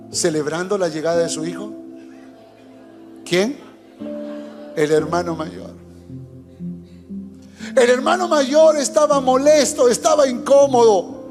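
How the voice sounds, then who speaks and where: A man's voice: high voice, takes it slowly, pauses often. A man preaching a sermon as pastor, fervent and urging, sharing his testimony. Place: church hall. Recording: long hall reverb with faint music.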